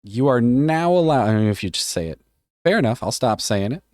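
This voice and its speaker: A man's voice: medium pitch, expressive, a little fast, darkish tone, dry recording, clean studio sound. A man streaming live, reading a policy aloud and joking casually with his chat, often swearing. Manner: joking, offhand, swears freely.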